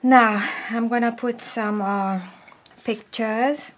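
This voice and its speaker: Speaking slowly and walking through each step, this papercraft tutorial host has a fairly high voice with fairly even intonation. It's a casual crafting lesson filmed overhead at an indoor craft table, and she sinks to a whisper as she works.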